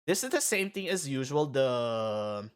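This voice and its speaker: Slow, lively man with morning voice. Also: medium pitch, smooth. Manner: halting, rambling, excited bursts. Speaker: gaming streamer. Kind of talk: casual gacha-roll commentary.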